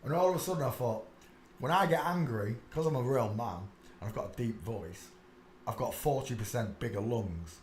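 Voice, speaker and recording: Speaking in a mid-range voice at a moderate pace, a channel host rambles casually and insistently while looking through pictures, with many asides and "uh"s. A little hiss or hum sits under the recording, made in an echoey room with faint ambience.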